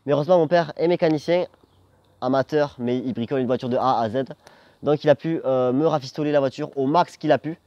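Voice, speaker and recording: A man's voice: medium pitch, fast, dry recording, muffled recording. Slangy young man, theatrical. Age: young adult. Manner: jokey, theatrical, swearing freely. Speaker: vlogger telling a personal story. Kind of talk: casual slangy storytelling to camera.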